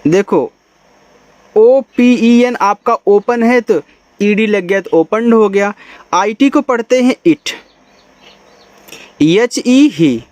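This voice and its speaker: Slow, high-voiced man teaching phonics. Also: darkish tone, no room sound. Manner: slow, patient, spells letters then sounds words out, repeats quiz questions. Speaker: English teacher. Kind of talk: Hindi-language phonics lesson, spelling out English words letter by letter.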